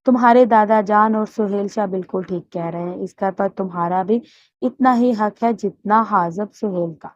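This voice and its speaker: A woman's voice: mid-range voice, natural voice. A woman voicing a wronged middle-aged mother who speaks firmly and earnestly, in a dull, muffled recording.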